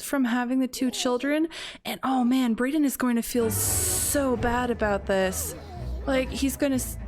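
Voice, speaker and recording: A young woman with a fairly high voice, recorded at home on a desk mic. She keeps up casual gameplay commentary and talks straight to the characters on screen. Her delivery is expressive and full of exclamations. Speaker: gaming channel host.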